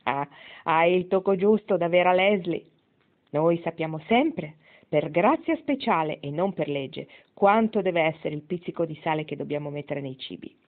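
A woman's voice: fairly low pitch, lively intonation, moderate pace. A woman reading the part of a wry, spirited old grandmother near the end of her life, in a satirical tone. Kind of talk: audiobook reading. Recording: tinny phone-like sound.

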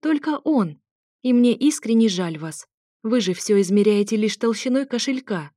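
A woman doing a calm, proud young wife. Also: fairly high pitch, moderate pace, no room sound, clean studio sound, pitched above the performer's own voice. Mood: firm. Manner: firm, unafraid.

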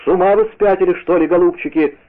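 A man voicing a hot-tempered, bold musketeer captain, shouting his commands. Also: high voice, quick pace, voice pushed up, natural voice. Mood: indignant. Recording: tinny lo-fi radio broadcast.

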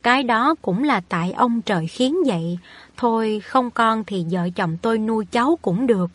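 A woman voicing a kind, wealthy older man in a storybook reading, speaking in a calm, measured way. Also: a little high, no echo. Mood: earnest.

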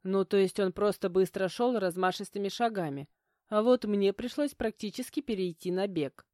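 A woman reading a first-person novel aloud in an even, measured way. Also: mid-range voice, no echo, clean studio sound. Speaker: audiobook narrator. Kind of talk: first-person audiobook narration.

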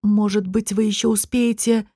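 Woman as a gentle lady-in-waiting. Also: medium pitch, level tone, normal speed, husky, dry recording, clean studio sound.

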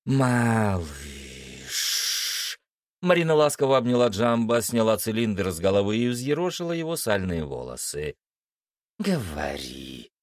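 A man narrating a fantasy audiobook in an expressive storytelling manner. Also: medium pitch, a little fast, few pauses, dry recording, clean studio sound.

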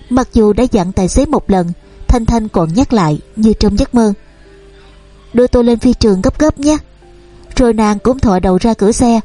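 A woman narrating a novel aloud in a steady storytelling manner. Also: medium pitch, no room sound. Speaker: audiobook narrator.

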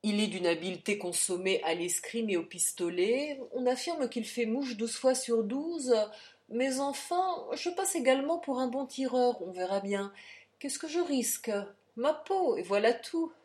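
A woman's voice: a little high, animated, a little slow, darkish tone, pitched above the performer's own voice. A woman voicing a haughty insolent count. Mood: cool scheming. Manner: biting, haughty, taunting. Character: arrogant, insolent male aristocrat count.

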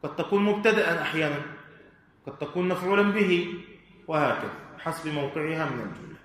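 A man teaching Arabic grammar to a class, speaking slowly and deliberately and putting questions to his students. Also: fairly high pitch, fairly bright tone. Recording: echoey hall with faint room noise.

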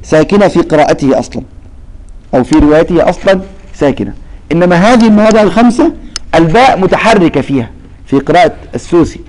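A man's voice: on the high side, lively intonation, fast, a little mellow, low-quality recording. A man teaching a Quran recitation lesson. He asks questions and then answers them himself, and he addresses his students by name. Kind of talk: explaining lesson with recited verses.

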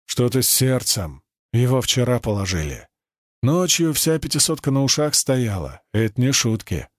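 A man's voice: medium pitch, big pitch swings, normal speed, no room sound, clean studio sound. A man voicing a kindly, wistful older warehouse chief in an audiobook, talking in a fond, reflective and somber way. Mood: grave. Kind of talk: audiobook character voice.

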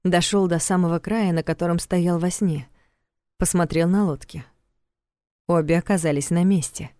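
A woman reading a mystery thriller audiobook in a calm, measured storytelling manner, close to the mic. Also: fairly low pitch, no room sound. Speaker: audiobook narrator. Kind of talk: scripted audiobook narration.

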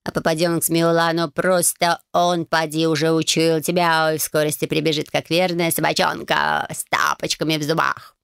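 A woman's voice: deep voice, little pitch movement, normal speed, vocal fry, hardly any pauses, a bit bright, clean tone, no room sound, clean studio sound. A woman voicing a grumpy, cheeky male talking cat who grumbles and bosses people around in a storybook reading. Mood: grumbling.

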